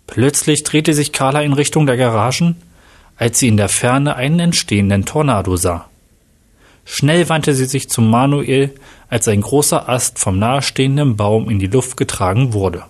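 Husky male storyteller reading aloud. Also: mid-range voice, normal speed. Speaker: narrator.

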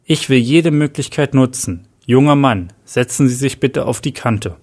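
A man's voice: medium pitch, normal speed, darkish tone, close to an everyday voice. A man voicing a polite, hesitant amnesiac man who is timid and later overjoyed.

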